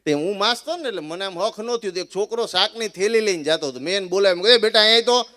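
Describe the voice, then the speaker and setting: A man with a Kathiawadi Gujarati accent telling comic folk stories live, animated, often addressing his listeners as sir. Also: high voice, rapid-fire. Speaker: folk storyteller and schoolteacher.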